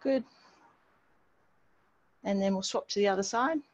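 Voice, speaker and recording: A middle-aged woman at a measured pace and medium pitch coaches an online fitness class, giving upbeat step-by-step instructions as she moves with everyone. The setting is an outdoor home patio bordered by a garden wall. Her video call audio is dull and band-limited, captured by a distant device microphone.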